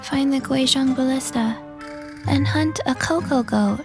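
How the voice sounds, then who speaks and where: A woman voicing a small, blank and earnest zombie girl in a video game, soft, childlike, halting and deadpan. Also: high voice. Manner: deadpan, halting, speaks in third person. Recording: game music behind. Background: game music.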